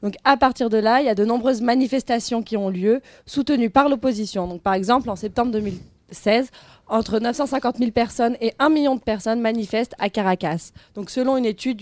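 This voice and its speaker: A young woman presenting on student radio, reading an explanatory segment in a steady, informative way. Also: a little high, fairly quick.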